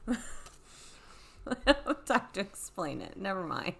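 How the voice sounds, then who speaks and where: A woman co-hosting a casual podcast, reading out odd trivia and often giggling. Her mid-pitched voice swings up and down, full of animation. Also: sing-song, measured pace, vocal fry, fairly bright tone. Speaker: podcast co-host. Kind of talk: casual chat.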